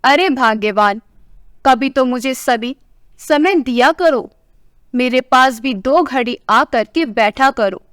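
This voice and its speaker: A woman's voice: high voice, slow, no echo, clean studio sound. A woman voicing a playful husband in his sixties who teases and coaxes his wife in a family story. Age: 60s. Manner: teasing, coaxing.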